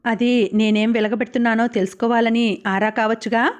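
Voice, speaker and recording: A woman voicing an earnest friend who gently scolds and mediates. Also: fairly high pitch, fairly even intonation, fairly quick, clean tone, natural voice. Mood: reproachful. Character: calm, reproachful woman friend, patient mediator.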